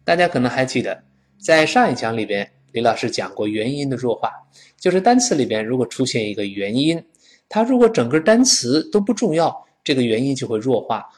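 A man with a lilt and a mid-range pitch for a man explains English pronunciation to learners, his voice rising and falling widely. Very animated, he models words slowly and has listeners read along after him.

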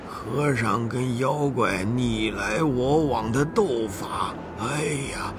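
A man voicing a timid but proud old village elder who sighs and drags out his exclamations. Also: a little high. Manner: sighing, drawn-out exclamations. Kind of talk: children's storybook narration.

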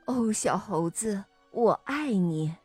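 A woman voicing a grown male monkey, a patient parent, speaking softly and soothingly in a children's story. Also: mid-range voice, expressive, slow pace, breathy edge, dry recording, faint music behind. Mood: gentle. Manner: soft, soothing, reassuring.

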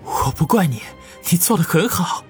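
Man doing a frantic young man, pitched up, lively swings, choked pleading, storybook voice. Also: fairly quick, soft background music, natural voice. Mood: urgent, pleading. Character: desperate young man, fiercely protective.

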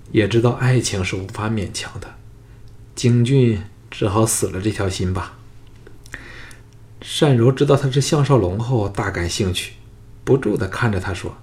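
A man narrating a novel as an audiobook reader in an even storytelling manner. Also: fairly low pitch.

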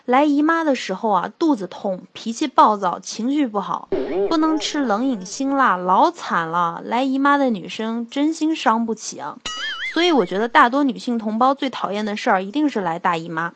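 Playful high-voiced woman hosting a comic talk show. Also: expressive, moderate pace, noisy background. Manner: playful, chatty, laughs at her own jokes. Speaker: host. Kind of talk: light comic monologue.

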